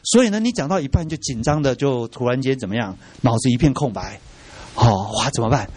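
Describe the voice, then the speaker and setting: A middle-aged man teaching a church training class, lively and often asking his listeners rhetorical questions, with English words mixed into his speech. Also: mid-range voice, fairly quick, husky, dry recording.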